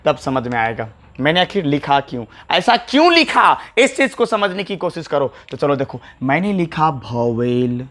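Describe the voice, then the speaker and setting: A man gives a grammar lesson in a high, bright voice. He repeats key words over and over and keeps asking his students questions. He speaks as a teacher working at a whiteboard. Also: sing-song, normal speed, hardly any pauses. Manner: explains, repeats words, asks rhetorical questions. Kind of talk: classroom lecture to camera. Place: classroom with a whiteboard.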